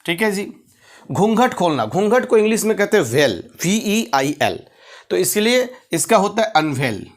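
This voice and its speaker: A man's voice: high voice, sing-song, normal speed. A man teaching English vocabulary in a Hindi-medium lesson. He spells words out letter by letter, repeats phrases, and asks questions before answering them himself.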